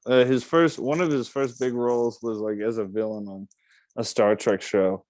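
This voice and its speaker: A young man talking casually on a podcast in a middle-pitched voice. He riffs loosely and swears freely, sliding into jokes. The sound is dry and close, with no room around it. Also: steady tone, moderate pace, a little mellow, no room sound. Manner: loose, profane, riffing with put-on voices and bursts of laughter. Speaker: podcast host.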